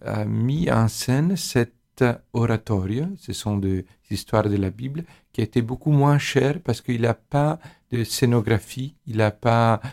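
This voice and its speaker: A man with a foreign accent in French, a native Italian speaker, explains things in an interview as a musical expert, haltingly searching for words. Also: medium pitch, creaky, darkish tone.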